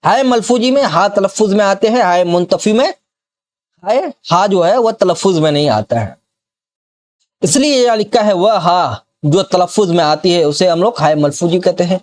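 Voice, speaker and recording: A man's voice: sits high, lively intonation, normal speed, a little mellow. A man with a Bihar accent teaching a grammar lesson, who repeats example words one at a time and keeps asking if the student has understood.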